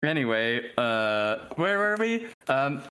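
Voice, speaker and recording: A man's voice: medium pitch, sing-song, takes it slowly, sharp tone, smooth. Laid-back male dungeon master. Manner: casual, self-mocking, laughs at his own slips. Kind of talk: narrating a tabletop game over voice chat.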